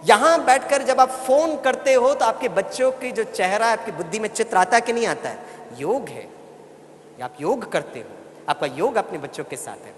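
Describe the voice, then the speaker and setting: A high, animated male voice at normal speed delivers a spiritual, motivational talk, mixing in stories and getting the crowd to echo his lines. The audience fills a large hall, whose echo and faint background noise come through on the recording.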